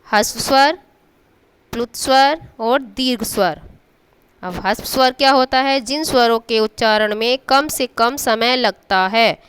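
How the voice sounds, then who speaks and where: A woman's voice: a little high, fairly bright tone, clear, resonant tone. A woman teacher giving a patient classroom grammar lesson, drawing out sounds to demonstrate them and checking in with the class often. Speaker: school teacher.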